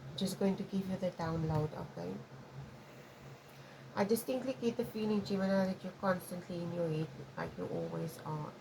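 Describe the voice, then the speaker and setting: A woman whose first language is Afrikaans gives a rambling, intuitive tarot reading, restarting often and checking in with "okay?" again and again. Her voice is lowish and creaky at a moderate pace, and the background is noisy.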